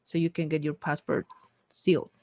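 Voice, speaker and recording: A conversation tutor chats loosely during a one-on-one practice lesson, filling her speech with fillers and restarts. Her voice is low-pitched and a little mellow, delivered flatly at normal speed.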